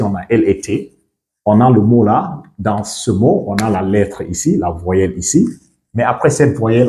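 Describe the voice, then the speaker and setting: A man's voice: fairly low pitch, dark tone. Guinean man teaching English pronunciation. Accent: Guinean French. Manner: switches between English and French, checks understanding often. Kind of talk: bilingual pronunciation lesson.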